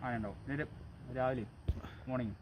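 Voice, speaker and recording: A man's voice: mid-range voice, brisk, a little hiss or hum. A man with a Malayali accent in casual chat, giving short answers and often repeating words.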